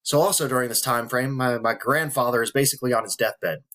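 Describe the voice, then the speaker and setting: An emotional man in his thirties speaks straight to the camera, fighting back tears. His voice sits at an ordinary middle pitch and pace, and he swears freely while sounding earnest and heartfelt. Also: fairly quick, fairly bright tone. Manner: earnest, emotional, profane, motivational. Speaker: vlogger. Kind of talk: personal talk to camera.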